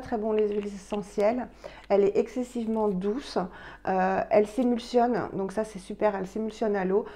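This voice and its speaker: A woman's voice: mid-range voice, mellow. A woman in her fifties chatting through a skincare review with many fillers and restarts. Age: 50s. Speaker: beauty vlogger. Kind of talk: casual product review.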